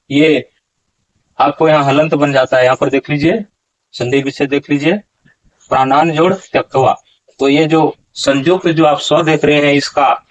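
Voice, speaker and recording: A man teaching how to pronounce a Gita verse. He talks slowly, asks questions and corrects recitations. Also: a little high, highs cut off. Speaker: Sanskrit pronunciation teacher.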